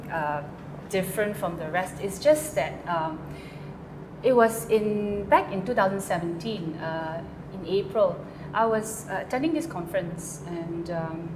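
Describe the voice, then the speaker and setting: A guest songwriter from Malaysia, a woman with a medium-pitched voice, answers interview questions hesitantly, full of fillers and restarts. The sound is roomy, with a noisy background.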